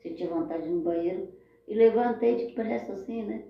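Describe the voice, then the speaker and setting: A woman's voice: medium pitch, a little fast, gravelly. A woman with a Brazilian Portuguese accent telling a personal story in a heartfelt way, often turning to her listeners. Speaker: storyteller sharing her life. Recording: very echoey, dull lo-fi sound.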